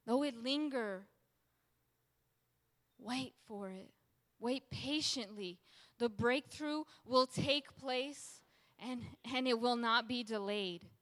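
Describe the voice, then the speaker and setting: A woman delivers an emphatic sermon as a preacher, circling back to repeat her key phrases. Her voice sits a bit high with a crisp, bright edge. It rings out in a large room with a long, trailing reverb. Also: slow, long pauses.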